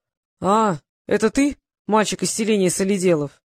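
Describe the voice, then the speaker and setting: The audiobook narrator voicing a cold, imperious male transparent god who speaks in measured pronouncements. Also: mid-range voice, dry recording, lightly acted.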